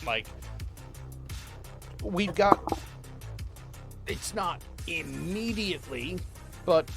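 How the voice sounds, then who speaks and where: A man's voice: high-pitched, expressive, very slow, vocal fry, over loud music. A man chatting casually on a gaming stream, thinking aloud and repeating his phrases.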